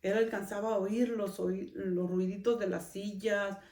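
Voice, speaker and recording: A woman's voice: mid-range voice, fairly even intonation, a little slow, darkish tone, recorded from a distance. Woman host telling a story in a roomy room. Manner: conversational, often adds a questioning tag to her sentences. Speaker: podcast host. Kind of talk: personal storytelling. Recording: roomy sound, speaker off-mic.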